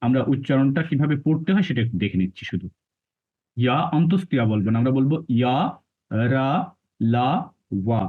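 A man's voice: mid-range voice, animated, fast, slightly rough. A man giving a spoken lesson on how to pronounce letters, patiently reciting them one by one and explaining step by step. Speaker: teacher. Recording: phone-like narrow sound.

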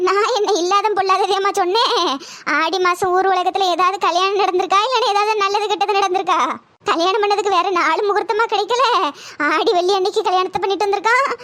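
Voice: extremely high pitch, steady tone, quick pace, pushed and bright. A voice actor playing a meddlesome village gossip, who talks in a snide, nagging way. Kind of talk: cartoon voice acting.

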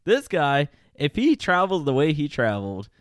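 A man spins a work story in loose, swearing podcast chat and breaks into laughter often. His pitch swings widely through his lines. The sound is close and dry. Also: huge pitch swings, moderate pace, clean tone, no room sound. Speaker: podcast guest.

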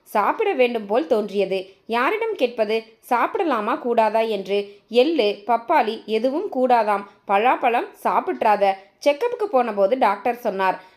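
A woman with a slightly high voice narrates a short story aloud. Her pitch moves a lot as she tells it, and she gives the characters' lines some life of their own. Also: a little slow. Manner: expressive, lively storytelling with voiced dialogue. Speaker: storyteller and channel host.

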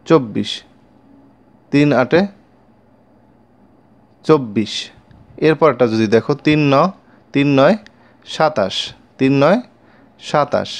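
A man's voice: medium pitch, a little mellow. Bengali-accented male math teacher, patient times-table recitation for young kids, each line said twice. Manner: slow, repeats each multiplication line twice; addresses pupils directly with questions.

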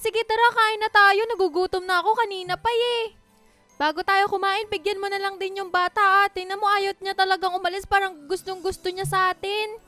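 A woman's voice: extremely high pitch, sharp tone. A Filipina woman with a Filipino accent, chatting playfully and teasing while roleplaying in a game, laughing often. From Philippines. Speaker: Roblox roleplay creator.

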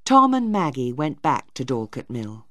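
A woman narrating a storybook slowly and clearly. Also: rumbling low, dry recording. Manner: slow, even, carefully clear. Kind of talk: scripted audiobook narration.

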